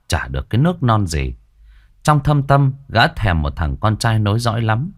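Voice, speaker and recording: A man with a very deep voice narrates a ghost story. His delivery swings up and down, expressive and full of storytelling cadence.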